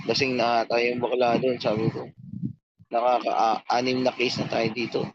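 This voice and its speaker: A man's voice: mid-range voice, level tone, moderate pace, highs cut off, slight background noise. A man telling a long, rambling, profane story in a casual chat, quoting himself and others.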